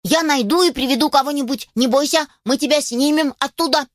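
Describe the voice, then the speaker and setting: A woman's voice: sits high, fairly quick, no room sound, studio quality, pitched above the performer's own voice, lightly acted. A woman voicing a loyal young male puppy who begs everyone for help. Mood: pleading. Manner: eager, pleading.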